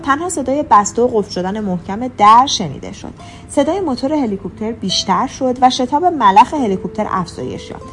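A woman narrating an audiobook in an even, measured storytelling manner. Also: fairly high pitch. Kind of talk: scripted narration. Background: faint music.

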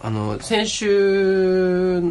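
A man's voice: sits high, a little hiss or hum. A young man co-hosting a casual radio chat, talking with a slightly stuffy, nasal voice from a cold. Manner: fast, animated, chatty storytelling. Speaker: podcast co-host.

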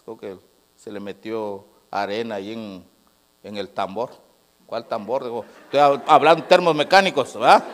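Preacher, male, animated pitch, shifts from loud preaching to hushed anecdotes, plays out the dialogue himself. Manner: swings from loud preaching to low, quiet storytelling; acts out dialogue. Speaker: pastor. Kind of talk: sermon. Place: church sanctuary.

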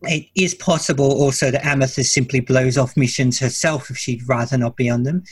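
A man co-hosting a casual fan discussion podcast, speaking in a measured, thoughtful way. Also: mid-range voice, fairly even intonation, breathy edge, no echo. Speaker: podcast co-host.

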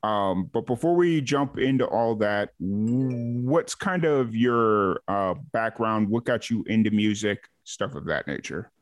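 A man from the south side of Chicago hosting a podcast, relaxed and casual, with lots of uh and you know. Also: fairly low pitch, takes it slowly, few pauses. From south side of Chicago, USA. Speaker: podcast host. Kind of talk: casual interview chat.

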